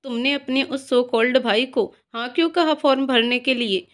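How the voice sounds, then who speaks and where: A jealous young husband snaps out harsh accusations in a storybook tale, as a woman reads his lines. The voice sits high and bright in pitch throughout, and the tone stays cutting and controlling. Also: moderate pace. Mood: angry, accusing.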